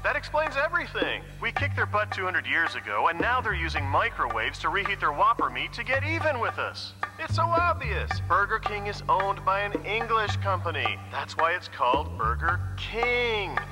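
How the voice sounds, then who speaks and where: A smug, cocky ad mascot. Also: male voice, high-pitched, big pitch swings, normal speed, few pauses, loud music behind the voice. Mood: ranting. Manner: smug, sarcastic, self-assured. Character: cocky mascot, grown man with ball head, smug. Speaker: ad spokesman. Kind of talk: scripted TV ad spokesman.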